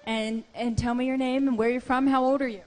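Female live event host, high voice, interviewing kids on an outdoor stage. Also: fairly even intonation, fairly quick, smooth. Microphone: handheld stage microphone.

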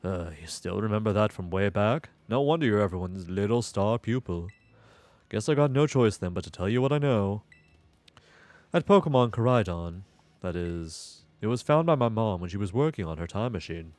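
A sullen teenage boy from a video game, acted out by a man. He speaks low and casually, with a reluctant edge to the read-aloud delivery. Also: lively intonation, normal speed, darkish tone, dry recording, natural voice.

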